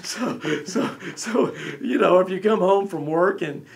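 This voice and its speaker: Over a noisy background, a man in his forties co-hosts an animated Bible discussion from a small studio, his fairly high voice roughened by gravel. His pace is measured but his manner lively and conversational, with hand gestures and the occasional short quote acted out in a little voice.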